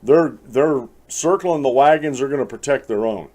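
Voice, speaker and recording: A man's voice: mid-range voice, normal speed, dark tone. A man hosting a casual political commentary show, rambling with restarts and fillers and speaking straight to his listeners. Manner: rambling, frequent restarts and fillers, addresses folks; chuckles while reading aloud.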